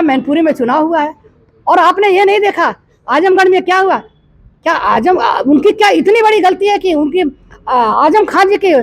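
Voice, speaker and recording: A woman's voice: extremely high pitch, dry recording. An older woman from eastern Uttar Pradesh, a politician answering a news reporter's questions with indignant rhetorical questions. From Gorakhpur, eastern Uttar Pradesh, India. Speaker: interviewee, politician. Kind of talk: news interview.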